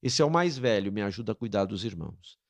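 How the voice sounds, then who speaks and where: A man's voice: fairly low pitch, lively intonation, fast talker, vocal fry, no room sound, voice pushed down. A man quoting a desperate, starving rural mother who pleads in a story he retells. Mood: pleading.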